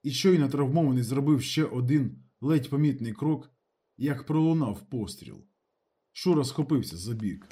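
A man narrating a literary audiobook in a lively, expressive reading. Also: medium pitch, moderate pace, slightly rough.

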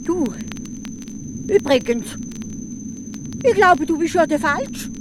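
A woman's voice: very high voice, animated, slow, background noise, voice pushed up, full character voice. A woman with a Swiss German accent voicing a clever young peasant boy, bold and cheeky in manner.

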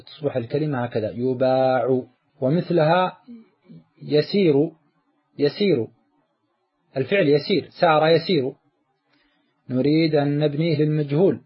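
A man teaching a morphology lesson, explaining step by step and slowly drawing out each example word. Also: mid-range voice, breathy edge, muffled recording.

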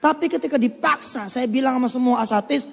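Man, light comic preacher who plays every part in his anecdotes, high pitch, long reverb. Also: quick pace, creaky. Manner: acts out little dialogues, switching voices. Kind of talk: humorous religious talk to an audience.

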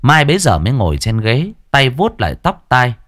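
A man narrating an audio story in a dramatic, expressive reading. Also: medium pitch, normal speed, no echo, studio quality.

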